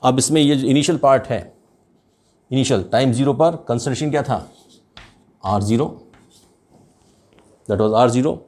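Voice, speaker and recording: An older man with an Indian accent teaches a chemistry lesson at a board, switching between Hindi and English. His medium-pitched voice is a little mellow, and his explanations come slowly and deliberately.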